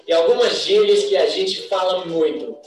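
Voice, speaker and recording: A man's voice: high voice, moderate pace, soft background music. Native English man in an echoey far-off clip. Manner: careful, effortful speech. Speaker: video host in a played clip.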